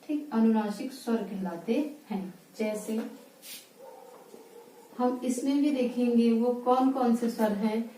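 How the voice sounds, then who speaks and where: A woman teaches a grammar lesson at a whiteboard, drawing out and repeating each word as she writes. Her voice is soft and mellow, a little high. She is some way from the mic in an echoey room. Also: recorded from a distance, a little hiss or hum. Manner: slow, repeats words while writing. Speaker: Hindi teacher.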